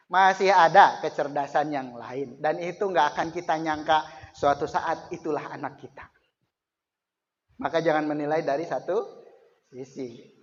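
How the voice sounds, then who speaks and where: High-voiced preacher in an echoing hall. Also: male voice, slight background noise. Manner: animated, coaxing questions to the audience, bursts of raised emphasis. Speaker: Islamic teacher giving a parenting seminar. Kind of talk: lively seminar talk to mothers. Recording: dull lo-fi recording with long hall reverb.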